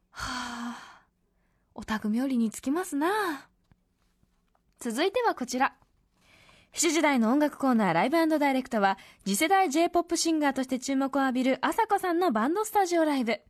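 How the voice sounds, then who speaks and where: A woman with a high voice reads a scripted recap for a radio show. She is bubbly and gushes like an excited fan. Her delivery mixes script with little asides. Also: fast. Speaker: radio co-host.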